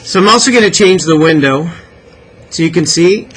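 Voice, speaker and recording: A man with a Canadian accent lectures a calculus class, his voice high and bright. He keeps checking in with the students, encouraging them with questions. A faint classroom hum sits behind him. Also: moderate pace, poor audio. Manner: encouraging, asks many questions. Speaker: math teacher.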